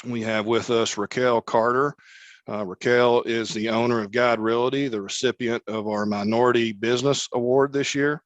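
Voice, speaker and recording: A man moderating a business panel, speaking in a measured way with frequent filler words. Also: mid-range voice, fairly even intonation, no room sound, dull audio.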